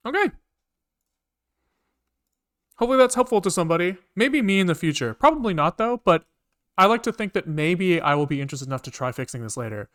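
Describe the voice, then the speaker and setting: A programmer livestreaming his coding thinks aloud in a high, sing-song, fairly bright voice, speaking briskly but pausing often. He rambles casually, repeats words to himself, and swears offhandedly in a casually profane way.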